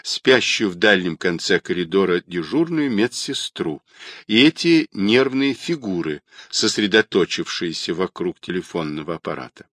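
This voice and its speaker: A man narrating an audiobook in an unhurried, expressive reading. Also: deep voice, no echo. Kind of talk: scripted narration.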